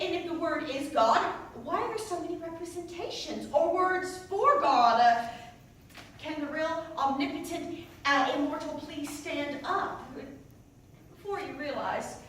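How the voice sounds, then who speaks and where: A woman actor plays a doubt-filled, wry mother who goes to church, delivering a comic monologue with a questioning mood. Her voice is high and animated, heavily acted, halting and self-interrupting as she rambles down side paths. The staged reading takes place indoors in a reverberant room, recorded very echoey from a far-off mic with faint noise.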